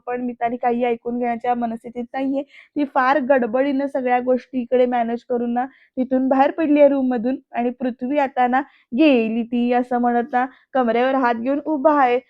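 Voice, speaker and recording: High voiced lady chatting thru a soap recap, dull dry voiceover. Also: level tone, moderate pace, no echo. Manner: chatty, addresses viewers directly. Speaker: serial reviewer. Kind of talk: casual voice-over episode review.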